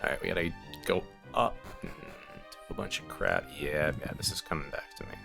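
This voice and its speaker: A man's voice: very deep voice, very animated, a little fast, gravelly, pushed and bright, slightly rough, faint music behind. A man hosting a casual let's play, rambling with lots of fillers and chuckles as he plays. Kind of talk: casual gameplay commentary.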